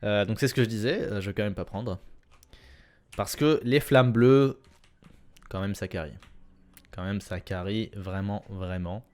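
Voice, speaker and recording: A young man casually commenting on his own video game run, chatty and self-correcting with sudden excited bursts. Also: on the low side, a little slow, long pauses. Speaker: gameplay commentator. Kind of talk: casual let's-play commentary.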